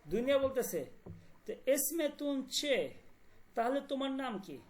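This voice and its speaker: Lady teacher, kinda high voice, repeats stuff and keeps asking if u got it. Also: animated, moderate pace, a little mellow. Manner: repeats words and checks understanding often. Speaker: language teacher. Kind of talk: online class explanation.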